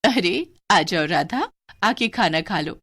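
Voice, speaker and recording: A woman voicing a poor, tender middle-aged mother who consoles her daughter, soft and motherly. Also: on the low side, expressive, slow pace, heavily acted.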